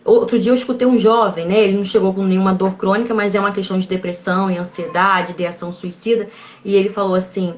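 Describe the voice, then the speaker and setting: A woman psychologist speaks in a measured, explanatory way during a live-stream conversation, often adding tag questions. Her voice sits mid-range for a woman. The audio is dull and lo-fi. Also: mid-range voice, flat delivery. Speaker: psychologist guest.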